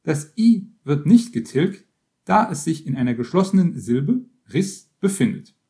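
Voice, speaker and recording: A man reading an encyclopedia-style text aloud as scripted narration, in a measured, list-like way. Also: on the high side, very animated, warm tone. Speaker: reader.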